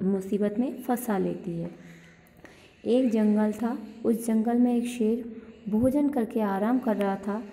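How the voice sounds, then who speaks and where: एक अध्यापिका ऑनलाइन कक्षा में बच्चों को कहानी पढ़कर सुनाती है और हर पंक्ति को सरल शब्दों में फिर समझाती है।. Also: female voice, medium pitch, dark tone. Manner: reads each line then re-explains it simply. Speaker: school teacher. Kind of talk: online class story reading. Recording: echoey hall reverb.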